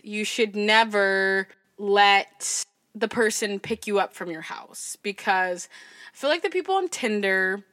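Loud, bright-voiced young woman podcaster. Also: mid-range voice, no room sound, clean studio sound. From California, USA. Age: 20s. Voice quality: loud speaking voice. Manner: chatty, fills speech with "like" and "I'm just like". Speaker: podcast host. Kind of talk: casual storytelling.

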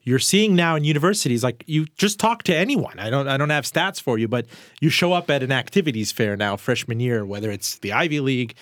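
A man in his forties hosts an interview in a dry, close recording. He talks conversationally and digressively, joking and tossing in quick rhetorical questions at a middling pitch. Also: animated, a bit bright, no echo. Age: 40s. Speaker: host interviewer.

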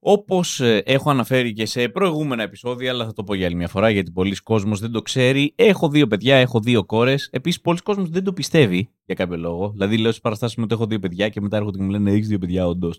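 A man's voice: on the low side, no room sound. Comedian guy in his 30s riffing on his own podcast, voice all over the place, self-mocking, dead dry sound. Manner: animated, rambling, self-mocking, acts out quotes. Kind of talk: comic monologue.

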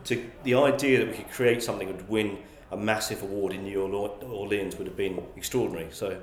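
This man speaks fast in a lowish, steady voice as a guest on an interview, where he works as a magazine publisher from England. He answers thoughtfully, frequently restarting and repeating words, and the recording has a roomy echo.

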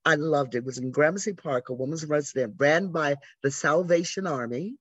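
A woman in her sixties from the American South tells her life story as an interview guest. She is an animated storyteller who acts out the voices of the people she quotes. The sound is dry and close, with a slightly dull, lo-fi quality. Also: deep voice, brisk, slightly rough, dry recording. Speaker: interview guest, arts educator. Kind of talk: conversational storytelling.

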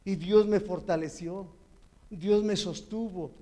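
A man's voice: sits high, fairly even intonation, slow pace, mellow. A man with a Mexican accent giving a heartfelt, tearful personal testimony in church.

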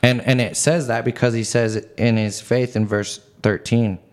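A relaxed man thinking aloud about a Bible story in an easygoing chat. He fills his pauses with "I mean" and "you know" and builds his points slowly. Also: medium pitch. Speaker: Bible study podcast co-host. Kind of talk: casual Bible discussion.

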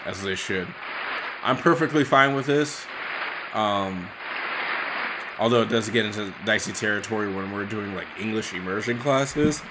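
A man's voice: lowish voice, moderate pace, a loud crowd. A tired man giving loose, casual commentary with lots of fillers and restarts while he reacts to a speech. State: tired, yawning. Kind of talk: casual late-night commentary. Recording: loud background noise.

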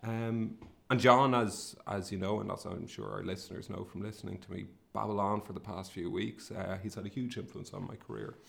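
Low, creaky west of Ireland man. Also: fairly even intonation, brisk. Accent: west of Ireland, Sligo. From Sligo, northwest of Ireland. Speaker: academic researcher and podcast host. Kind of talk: casual conversational career storytelling.

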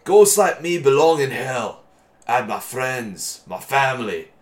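A man's voice: mid-range voice, sing-song, measured pace. A man voicing a grumpy male ghost who complains bitterly about being freed from hell. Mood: indignant.

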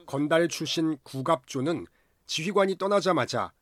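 Slightly high-voiced male film recap narrator. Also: animated, normal speed, fairly bright tone. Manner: formal storytelling. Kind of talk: scripted narration.

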